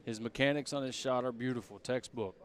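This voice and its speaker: A man's voice: medium pitch, brisk. A man giving basketball color commentary, emphatic and full of praise for the players. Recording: loud arena crowd behind. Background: crowd noise, basketball bounces.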